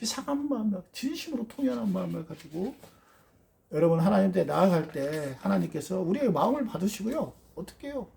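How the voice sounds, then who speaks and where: Fervent gravelly Korean-language preacher. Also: medium pitch, big pitch swings, a little fast, darkish tone. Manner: fervent, rhetorical questions to the congregation. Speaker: pastor. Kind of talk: sermon.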